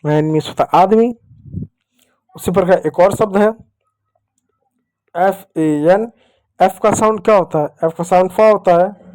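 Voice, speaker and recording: A man's voice: sits high, unhurried, pauses often, darkish tone, no room sound. A male teacher giving an online lesson to young children. He patiently drills each point and asks questions that he answers himself. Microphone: writing with a digital pen while talking.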